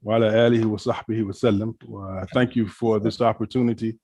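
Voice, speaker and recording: A man's voice: fairly low pitch, flat delivery, a little mellow, no room sound. An American man from Virginia, a guest speaker answering interview questions thoughtfully over a remote call, with frequent fillers. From Richmond, Virginia, US. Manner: thoughtful, deliberate with many fillers.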